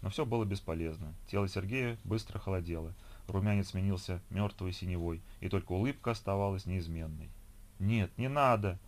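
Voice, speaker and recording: A man reading an audiobook in measured scripted narration. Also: low-pitched, darkish tone.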